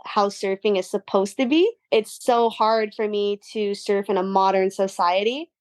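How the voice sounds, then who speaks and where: A woman's voice: medium pitch, normal speed, no room sound. A young woman from Hawaii, a surfer and interview guest, talking earnestly in a casual, reflective way, with lots of "like" fillers. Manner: earnest, heavy use of "like" fillers.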